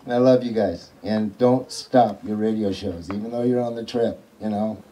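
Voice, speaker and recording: A man's voice: lowish voice, steady tone, normal speed, mellow, a little hiss or hum, low-quality recording. A man in his fifties giving a heartfelt, rambling message of support, repeating words as he goes. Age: 50s.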